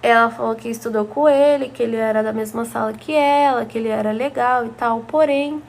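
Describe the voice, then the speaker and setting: A woman's voice: fairly high pitch, steady tone, fairly quick, vocal fry. A young woman from Brazil telling a personal story to her viewers in a chatty, gossipy way. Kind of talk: casual storytime narration.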